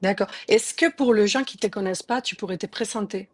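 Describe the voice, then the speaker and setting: A woman's voice: mid-range voice, brisk, slightly rough. A middle-aged woman from Spain with a Spanish accent, hosting a live-streamed interview in a hesitant way, with many fillers and restarts. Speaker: host, journalist.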